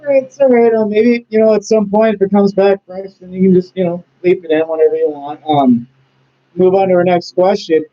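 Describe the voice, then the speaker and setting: A man's voice: high voice, steady tone, brisk. A man hosting a casual interview, rambling encouragingly with lots of fillers. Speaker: host. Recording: dull lo-fi audio.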